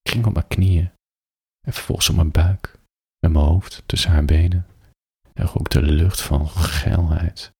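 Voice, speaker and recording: A man reading an adult story as a bedtime story, in a very husky, breathy voice. His voice sits low with a gravelly fry, soft and intimate, often sinking into a whisper. It is recorded close and bone-dry. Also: steady tone, unhurried, no room sound.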